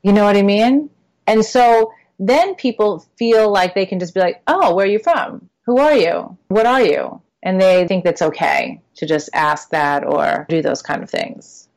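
A woman's voice: medium pitch, measured pace, darkish tone. A woman guest in a conversational interview, talking earnestly and explaining her view, now and then acting out questions people ask her.

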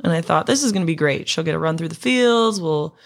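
A woman's voice: sits low, lively intonation, quick pace, vocal fry. A young woman from Montana, a singer-songwriter guest, telling a story in casual chat with many fillers and restarts.

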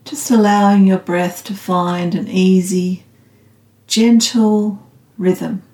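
A woman guiding a meditation in a calm, meditative, soothing tone, unhurried and leaving long pauses. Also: mid-range voice. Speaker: meditation guide. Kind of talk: guided loving-kindness meditation. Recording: roomy, slightly echoing sound.

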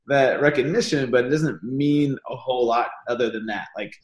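A man's voice: mid-range voice, normal speed. Casual male guest in a roomy room. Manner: relaxed storytelling with many fillers. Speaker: podcast guest. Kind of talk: casual conversational interview.

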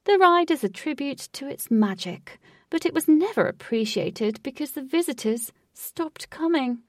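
A woman reading a storybook, voicing a smug, theatrical male host who speaks slowly and grandly. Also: high voice, expressive, no echo, clean studio sound, recorded from a distance, voice pushed up. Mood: grandiose. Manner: slow, drawn-out, lofty phrasing.

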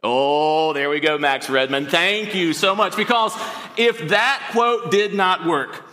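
A man's voice: a little high, slow pace, sharp tone, slight background noise. A man preaching a sermon in a church, chatting and joking with the congregation. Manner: joking, conversational preaching with the crowd. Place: church sanctuary. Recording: long hall reverb.

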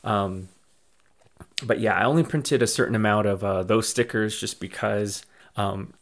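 Rambling man, slightly low voice. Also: a little slow. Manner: rambling, restarts and repeats phrases; effusive and grateful. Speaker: podcast host and small business owner. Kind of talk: casual life-update ramble.

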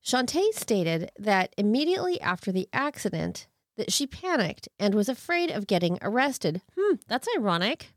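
Female true crime co-host, highly varied melody, sardonic edge, recorded very dry. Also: sing-song, moderate pace, few pauses, no room sound. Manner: incredulous, sardonic asides. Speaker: podcast co-host. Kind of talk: true crime narration with casual, wry commentary.

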